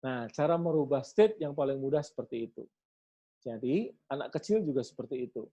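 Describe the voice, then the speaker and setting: A middle-aged man coaching parents in an online class, lively and acting out shouts and counts as he teaches. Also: mid-range voice, a little fast. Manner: animated, acts out shouts and counts while teaching. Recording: dull lo-fi audio.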